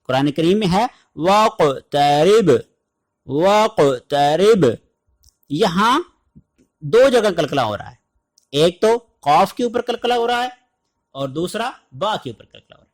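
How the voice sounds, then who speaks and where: Speaking in an animated voice that sits high, a man from Pakistan teaches Quran recitation online. He explains the letter sounds before reciting verses in a slow, drawn-out chant.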